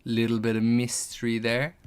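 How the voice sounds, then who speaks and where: A man's voice: mid-range voice, monotone, normal speed, clean tone. A man chatting casually on a live stream while building a tabletop game character, thinking aloud over names and details and answering viewers. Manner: chats back to viewers' comments.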